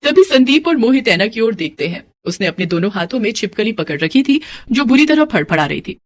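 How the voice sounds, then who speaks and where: A woman narrating a family cartoon story in an even storytelling way. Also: a little high, brisk, a little hiss or hum.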